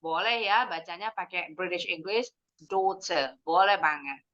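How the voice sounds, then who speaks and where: A woman English teacher leading a kids' lesson, slowly modeling words for the class to repeat, mixing English phrases into her explanations and praising answers. She clears her throat often. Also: on the low side, pushed and bright, dull audio. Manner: encouraging praise after answers. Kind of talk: online English lesson for kids.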